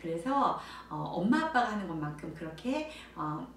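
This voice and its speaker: A woman directing a child training center, explaining parenting methods to camera in an animated way and acting out bright exclamations to children. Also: on the low side, normal speed. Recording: echoey room, voice a bit far from mic, faint background noise.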